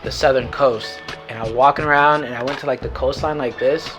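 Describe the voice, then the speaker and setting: A man's voice: mid-range voice, fairly even intonation, a little fast, over music. A man in his twenties casually telling a rambling, profane storytime tale to camera. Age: 20s. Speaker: vlogger.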